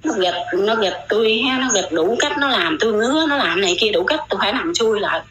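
A woman's voice: medium pitch, expressive, quick pace, a bit bright, a little hiss or hum, poor audio. A middle-aged woman, telling her own story in casual, rambling talk and often repeating her words.

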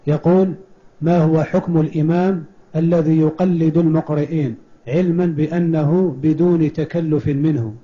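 Very dark-voiced man reading questions aloud. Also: on the high side, fairly even intonation, moderate pace. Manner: plain, formulaic reading of questions. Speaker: reader of submitted questions. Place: large mosque. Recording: dull lo-fi mosque recording.

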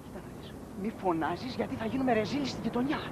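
An exasperated henpecked husband. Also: male voice, very high-pitched, animated, background noise. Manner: weary, pleading.

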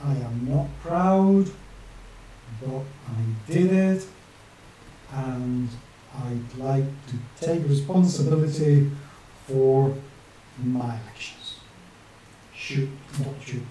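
Speaking extremely slowly with many pauses, a man in his forties uses a mellow, medium-pitched voice as he draws a map on screen and chats to himself with jokey asides. He is a map illustrator and channel host whose non-native English accent has some northern English influence. His small home room and distant webcam mic produce a very echoey sound with faint hiss.

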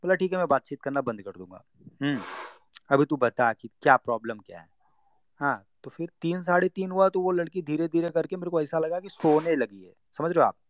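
In a casual talk, a young man relates a personal story at a fairly quick clip, performing the lines of those involved and sinking to a quiet murmur for what he was thinking. No echo is present.

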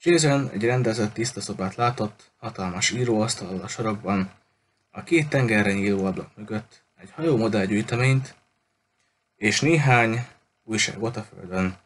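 Guy reading a kids' novel aloud, low voice, steady, stumbles on a word now and then. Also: husky. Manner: steady, slightly hesitant reading with small slips. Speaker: audiobook reader. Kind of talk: audiobook narration.

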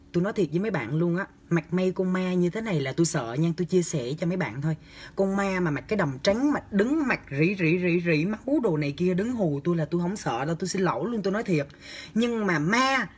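In a small indoor room, a young man with a high-pitched, husky voice chats on a livestream, going through comments. His replies are campy and teasing, chatty and accompanied by lively, exaggerated gestures, all captured by a phone camera at arm's length.

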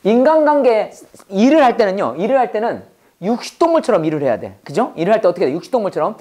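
Animated woman teaching, call-and-response. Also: mid-range voice, quick pace. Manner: lively, call-and-response drilling with laughs. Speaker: English teacher. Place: classroom with students.

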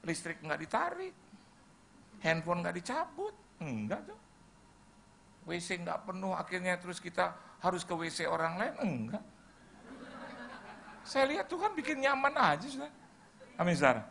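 Man, pastor, sermon, high gravelly voice, bright forceful tone, faint background noise. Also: moderate pace, long pauses. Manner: lively storytelling, acting out dialogue. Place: church hall.

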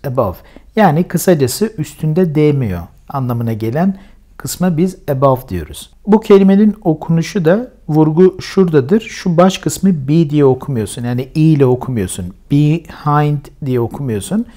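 A man with a Turkish accent teaching English vocabulary, patiently repeating each word slowly to drill its pronunciation. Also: on the high side, warm tone. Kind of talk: vocabulary lesson at a whiteboard.

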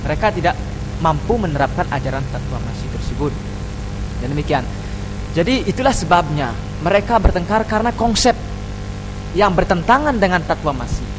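A man in his thirties speaking on a panel in a small room into a desk microphone, earnestly explaining religious teaching and chanting scripture verses slowly. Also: a little high, noisy background. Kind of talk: religious discussion talk. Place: small indoor room at a table. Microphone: desk microphone on stand.

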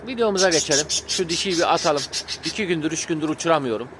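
A man talks in a fairly high voice, venting his frustration in a rambling, casual way with lots of fillers as he vlogs beside his pigeon coop. The outdoor recording is noisy, with pigeons cooing and birds chirping behind him. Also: expressive, quick pace, fairly bright tone. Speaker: pigeon-keeping vlogger. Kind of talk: casual vlog talk to viewers.

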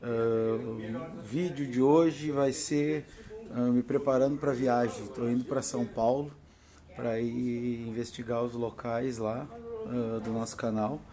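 Holding his phone out at arm's length, a man in his thirties vlogs about the paranormal, moving from his porch at home into a car. He has a southern Brazilian accent, hasn't slept, and seems nervous, rambling casually with frequent laughter in a slow, mellow, medium-pitched voice with fairly even intonation.

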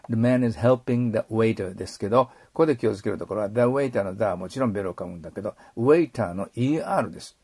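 A middle-aged man teaching English pronunciation, modeling sounds and slowly repeating phrases. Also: fairly low pitch, expressive, a little mellow, husky, no room sound. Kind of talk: explaining pronunciation in a lesson.

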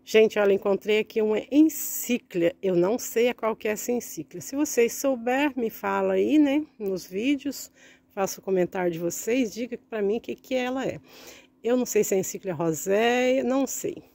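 A woman's voice: on the high side, lively intonation, moderate pace, gravelly, mellow. A woman from Brazil filming a casual vlog as she walks through a large orchid greenhouse. She keeps calling out to her viewers, gushing over each flower, recorded on a handheld phone. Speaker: orchid vlogger.

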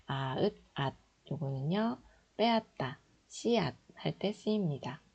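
A woman's voice: low-pitched, expressive, takes it slowly, gravelly, dark tone, breathy edge, highs cut off. A woman teaching Korean reading and spelling, patiently explaining and repeating syllables aloud. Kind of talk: slow instructional explanation.

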